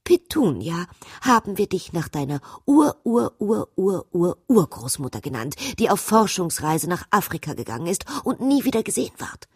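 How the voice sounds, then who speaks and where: A woman voicing a fussy, distracted adult queen who talks in a gentle, mildly scolding way. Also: on the low side, sing-song, normal speed, few pauses, slightly rough, dry recording, studio quality, pitched above the performer's own voice. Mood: soothing.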